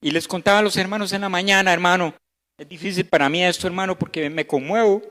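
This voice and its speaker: A man with a Costa Rican Spanish accent preaching a sermon as pastor, swinging between loud emphasis and hushed, slow passages. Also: high voice, steady tone. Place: church hall. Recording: echoey church hall.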